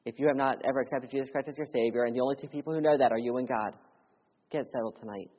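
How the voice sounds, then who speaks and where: Speaking very fast yet in a steady tone, a young missionary from Philadelphia gives a sermon full of personal testimony. His slightly husky voice shifts from loud appeals to hushed lows, echoing at length through a church sanctuary on a muffled, dull recording.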